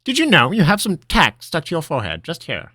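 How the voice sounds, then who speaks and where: A man voicing an eccentric old male wizard master, theatrical and mischievous, with a high, booming, cackling voice. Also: huge pitch swings, brisk, pushed and bright, breathy edge, no echo, studio quality, full character voice. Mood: grand, instructive. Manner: theatrical, mischievous, grand pronouncements. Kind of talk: storybook character voice.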